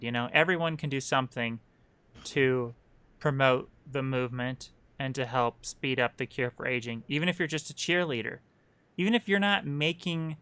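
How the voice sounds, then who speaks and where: A man co-hosting a casual livestream chat, talking in an upbeat, emphatic, animated way. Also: mid-range voice, smooth, dry recording. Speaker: co-host.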